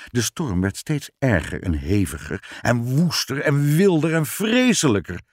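A man reading a children's story aloud in an expressive storybook manner. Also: medium pitch, a little slow, no room sound, clean studio sound.

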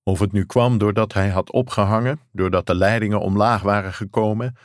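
A man reading a novel aloud as narrator, measured and even. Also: lowish voice, no echo, clean studio sound. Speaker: audiobook narrator. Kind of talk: scripted narration.

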